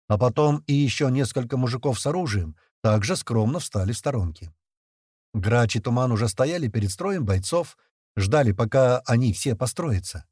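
An audiobook narrator tells a first-person story in coarse, slangy language, his husky mid-range voice rising and falling in a lively way. The recording is dry and close-miked, with no room sound.

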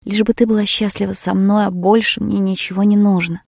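A woman's voice: medium pitch, level tone, fairly quick, vocal fry, a little mellow, no room sound, clean studio sound. A woman voicing an earnest young man, a marine, who speaks tenderly and pleads with the girl he loves. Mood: pleading.

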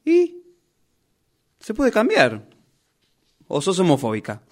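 In a radio play rehearsal, an actor with a Rioplatense Argentine accent voices a defiant, indignant character from a novel who argues with his own author. His high-pitched voice swoops wildly in pitch, moving at a slow pace with an exaggerated delivery. He sounds argumentative and reproachful.

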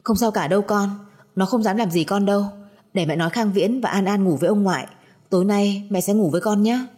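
A woman voicing a calm, protective middle-aged mother in a spoken audio story, soothing yet firm. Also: medium pitch, a little fast, husky, natural voice.

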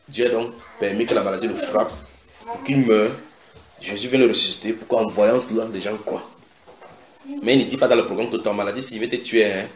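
A man preaching a sermon, breaking into loud dramatic voices for the people in the story. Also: lowish voice, echoey room, slight background noise. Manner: dramatic, acts out biblical voices with sudden loud shouts.

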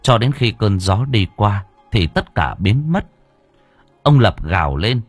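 Husky story narrator. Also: male voice, lowish voice, slow, faint music behind. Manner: dramatic, expressive storytelling. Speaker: audiobook narrator.

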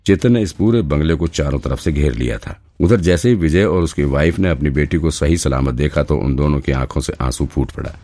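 Very deep-voiced male narrator. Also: brisk, hardly any pauses, mellow, dry recording. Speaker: audiobook narrator. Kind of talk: scripted narration.

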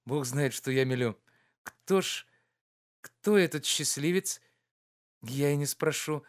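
A man doing a tender, easily stirred gentleman who speaks high and fervently. His voice climbs whenever he is moved, in the manner of a classic audiobook character. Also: takes it slowly. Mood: agitated. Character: emotional gentleman, excitable, soft-hearted.

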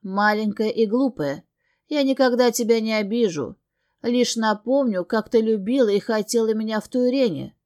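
A woman reading the lines of a possessive immortal male suitor, calm, smug and insistent. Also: a little high, moderate pace, close to an everyday voice. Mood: tender.

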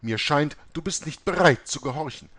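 Man voicing strict seminary rector, reproachful, animated pitch, dry sound. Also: moderate pace, husky, no room sound. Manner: stern, reproachful. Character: stern older male seminary rector.

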